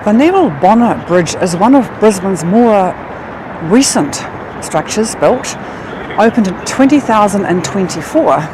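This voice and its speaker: A woman's voice: mid-range voice, animated, a little slow, music in the background. A woman with a New Zealand accent, a travel vlogger walking outdoors in a city, exclaiming in wonder between sightseeing facts. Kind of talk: casual travel vlog narration. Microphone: handheld action camera or phone. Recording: noisy outdoor city sound.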